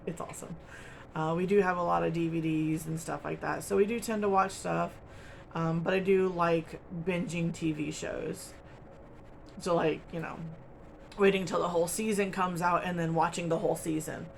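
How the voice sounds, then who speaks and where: A woman's voice: on the low side, steady tone, normal speed, gravelly, a little hiss or hum. A woman chatting casually to camera as host of a crochet channel, rambling along with lots of ums and little laughs, from home. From United States.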